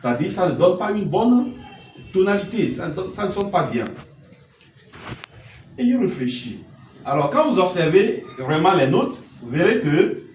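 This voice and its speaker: Lively male music teacher, echoey room. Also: a little high. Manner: asks questions and answers them himself; sings note names in scales. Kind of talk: classroom lesson. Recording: echoey room, mic far off, loud noise.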